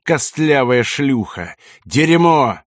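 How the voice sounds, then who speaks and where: A man's voice: medium pitch, expressive, measured pace, no room sound, studio quality. A man voicing a desperate, vengeful young lieutenant, talking in a strained, raging way, in an audiobook. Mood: furious.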